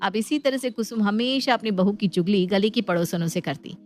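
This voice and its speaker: A woman narrating a cartoon moral story in a steady, scripted way. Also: medium pitch, fairly quick, faint music behind. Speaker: narrator and lead voice actor.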